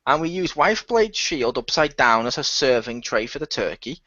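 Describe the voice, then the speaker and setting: This cast member of an audio drama, a man with a medium-pitched, bright, forceful voice, chats casually at normal speed in a sing-song way. He laughs a lot and teases the others, and the recording is dry, dull lo-fi.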